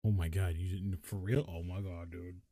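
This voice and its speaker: A man's voice: low voice, steady tone, moderate pace, warm tone, dry recording, studio quality. A man co-hosting a podcast, talking casually and hesitantly and calling the others "dude" and "bro". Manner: hesitant, filler-heavy, says "dude" and "bro". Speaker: podcast co-host. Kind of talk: casual chat.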